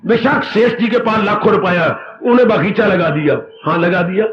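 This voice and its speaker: A man giving a devotional sermon, telling stories in an animated way and stretching out emphatic phrases. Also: high-pitched, normal speed, background noise. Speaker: spiritual teacher. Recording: roomy, dull recording, faint ambience.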